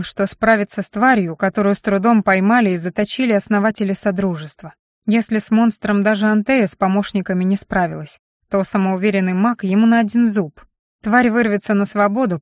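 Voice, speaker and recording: A woman narrating a first-person fantasy audiobook in an expressive storytelling manner. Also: medium pitch, no echo, clean studio sound.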